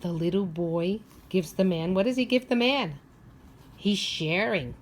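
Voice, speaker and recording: A preschool or primary teacher, a woman with a somewhat low voice, reads a picture book aloud to young children. She is expressive and instructive, often stopping to ask them questions.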